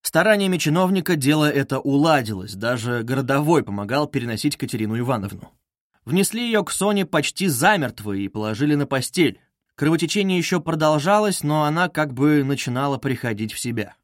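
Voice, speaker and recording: A man narrating a classic novel in a measured, expressive reading. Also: fairly high pitch, no echo, studio quality. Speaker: audiobook narrator.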